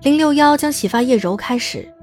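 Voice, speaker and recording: A woman's voice: sits high, lively intonation, a little fast, a little mellow, faint music behind. A woman reading scripted narration as the narrator of a dramatised audiobook.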